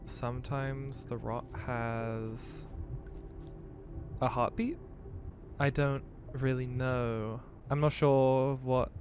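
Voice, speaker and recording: A man's voice: medium pitch, noisy background. A man giving let's play commentary, thinking aloud in a hesitant way and easily startled. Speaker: gamer.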